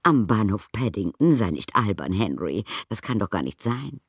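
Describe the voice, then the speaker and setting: Excitable, caring storybook mother, middle-aged, played by a woman in a raised, husky voice. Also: a bass voice, moderate pace, no echo, clean studio sound, voice pushed up, full character voice. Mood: fussing. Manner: exclamatory, fussing.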